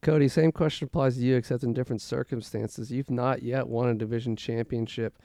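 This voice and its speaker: Mellow, creaky-voiced man hosting casual banter. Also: medium pitch, fairly even intonation, fairly quick, no echo, studio quality. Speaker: host of a fantasy football league podcast.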